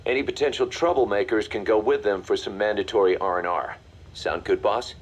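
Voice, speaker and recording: An actor playing a mercenary second-in-command in a video game, briefing in a confident, matter-of-fact, commanding way. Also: male voice, fairly low pitch, brisk. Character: brisk, hard-nosed male mercenary second-in-command. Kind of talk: video game voice acting, mission briefing dialogue.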